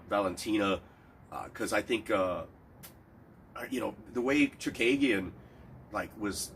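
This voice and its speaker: There's background noise as a man with a lowish voice and a stuffed-up nose talks solo. He reviews cigars and MMA betting, rambling casually about fights and bets with many fillers and restarts.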